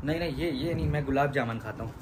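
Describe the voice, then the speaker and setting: A young man vlogging at home during a family celebration, teasing and exclaiming loudly. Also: medium pitch, fast talker, background noise. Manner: excited, teasing, loud exclamations. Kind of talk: casual chat.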